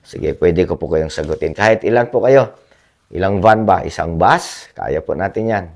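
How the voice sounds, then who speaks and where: A man vlogging in a casual, rambling chat to his viewers, hoarse from a cough, politely tagging his sentences with little questions. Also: low voice, moderate pace, noisy background. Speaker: blogger reading viewer comments. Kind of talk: casual livestream-style chat.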